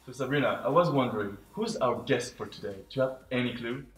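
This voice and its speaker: A young man co-hosts a casual talk show in an upbeat, chatty manner. His mid-pitched voice echoes heavily and sounds distant from the mic. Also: animated, fast, fairly bright tone, soft background music. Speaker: co-host. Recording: echoey room, voice from far off.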